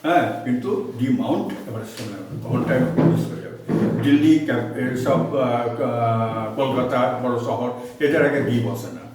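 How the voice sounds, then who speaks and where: A man's voice: mid-range voice, moderate pace, far from the mic, heavy background noise. Bengali-accented male teacher in an echoey room. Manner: explains patiently, repeats examples, asks the class questions. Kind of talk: online English grammar lesson in Bengali.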